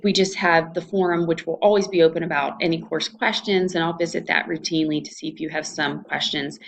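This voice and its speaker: She has a creaky, lowish voice and an Ohio Valley American accent. Working as a college instructor, she takes students through her online course in a relaxed screencast, talking in a conversational, explanatory style.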